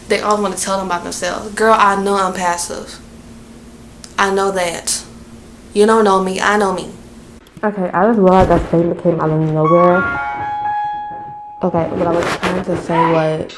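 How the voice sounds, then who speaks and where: At her workplace, a young woman with a Southern American accent vents in a chatty storytime vlog, rambling and filling gaps with lots of fillers. Her pitch is fairly low, and there's slight background noise.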